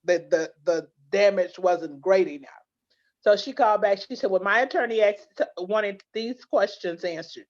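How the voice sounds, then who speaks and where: A legal plan representative, interviewed as a guest, tells her stories earnestly but keeps restarting. She has a mid-range voice at normal speed, heard through dull, lo-fi audio.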